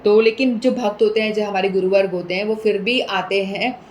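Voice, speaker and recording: A woman giving a patient scripture talk, mixing English words in and chanting Sanskrit verses slowly. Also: medium pitch, steady tone, slight background noise, low-quality recording. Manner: patient, explanatory, repeats points with everyday examples; mixes English words into Hindi. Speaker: speaker explaining scripture.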